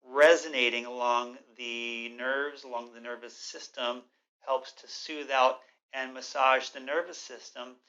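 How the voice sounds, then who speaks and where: A man giving an instructional yoga breathing lesson in a measured, explanatory, gently instructive way. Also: mid-range voice, muffled recording.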